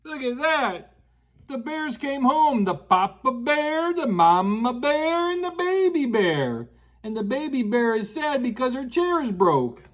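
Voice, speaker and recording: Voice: sits high, sing-song, unhurried. A storyteller in a rambling grandpa style, reading to children with folksy asides and questions. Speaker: children's story show host.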